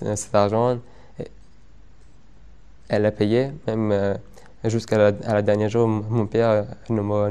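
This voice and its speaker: A young man from Afghanistan, interviewed for a testimony, speaks in a lowish, warm, clean voice. He stutters, repeating many words and pausing often.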